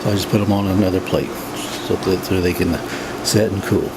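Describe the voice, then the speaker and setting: A man's voice: sits low, a little fast. A plain-spoken, folksy man casually narrating a home cooking demonstration in his kitchen. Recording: steady background room hum and noise.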